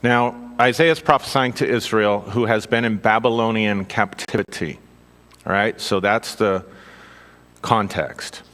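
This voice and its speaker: A man's voice: on the low side, unhurried, fairly bright tone. A man giving an informal sermon as a Bible teacher, talking conversationally, asking his listeners questions and adding dry asides. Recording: long reverb of a large hall.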